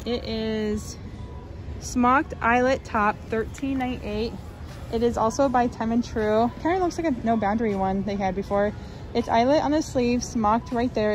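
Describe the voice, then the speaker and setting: A woman's voice: fairly high pitch, background noise. A woman vlogging casually while shopping in a large clothing store, upbeat and chatty with lots of fillers. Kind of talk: casual shop-with-me narration.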